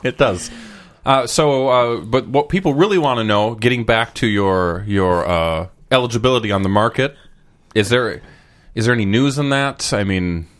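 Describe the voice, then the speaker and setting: A man's voice: medium pitch, normal speed. A man hosting a comedy podcast, chatting and teasing his guest in a playful way. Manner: playful, teasing, lively intonation. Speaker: podcast host. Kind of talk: casual comedy chat.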